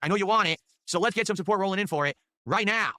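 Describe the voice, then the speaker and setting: A man hosts his own stream, talking fast in a bright, forceful voice with no room sound. He chats casually and hypes up his viewers, pitching for tips in an upbeat way.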